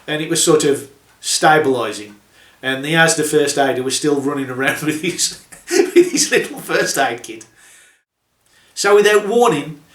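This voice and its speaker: Wry trucker with a bright voice. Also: male voice, on the high side, echoey room. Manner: dry, sardonic humour with chuckles. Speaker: truck driver telling stories. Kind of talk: casual anecdotal storytelling.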